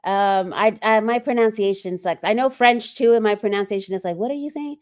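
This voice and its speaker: A woman's voice: medium pitch, fairly quick. A woman hosting a casual livestream, chatting loosely and reading viewer comments aloud with frequent ums. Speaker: livestream host.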